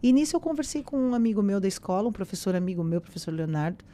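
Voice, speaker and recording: A woman, a podcast guest sharing a personal faith testimony in a casual, animated way, acting out the dialogue she retells. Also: medium pitch, fast talker. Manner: animated storyteller who acts out quoted dialogue.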